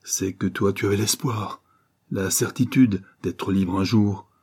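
A man's voice: medium pitch, unhurried, mellow, husky, pitched above the performer's own voice. A man voicing a desperate, broken older banker who pleads in anguish, read as an audiobook. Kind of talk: audiobook reading.

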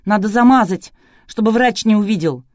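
A woman's voice: moderate pace, a little mellow, dry recording, studio quality, natural voice. A woman voicing a hysterical, spoiled young bride who wails and whines. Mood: bossy. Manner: shrill, wailing, whiny.

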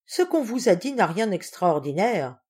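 A clever spinster mistress speaks in a gentle, persuasive, reasoning tone, voiced by a woman reading a story aloud. Her voice sits a bit higher than the narration. She sounds calm and quietly manipulative. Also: normal speed, breathy edge. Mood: coaxing. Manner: soft, coaxing and reasoning.

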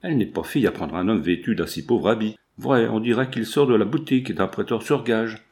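A man voicing a brutal, sneering renegade bandit in an audiobook, gruff and gloating, his voice dropping lower. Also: expressive, a little fast, a little mellow. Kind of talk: audiobook character voice.

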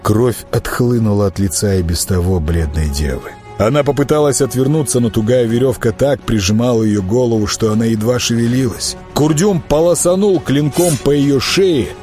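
A man reading a dark fantasy tale aloud with a lively, dramatic rise and fall in his voice. His storytelling is expressive, and soft music plays under him. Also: mid-range voice, moderate pace, hardly any pauses. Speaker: narrator. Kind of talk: audiobook narration.

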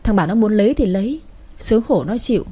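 A woman voicing a sharp-tongued older village mother-in-law, scornful and needling. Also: medium pitch, expressive, fast, husky.

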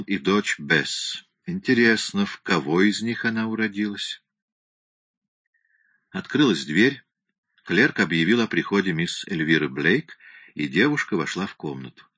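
Low husky guy reading a novel aloud, measured and even, bright tone. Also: no room sound. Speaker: audiobook narrator. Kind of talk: scripted narration.

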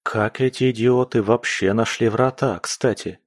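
A man's voice: mid-range voice, fairly even intonation, unhurried, no room sound, clean studio sound, lightly acted. A man voicing a young male monster hunter who grumbles wryly and sounds irritated. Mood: wry grumbling.

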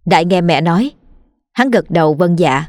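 Low-voiced woman narrating a ghost story. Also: expressive, normal speed, a little mellow, no room sound, clean studio sound.

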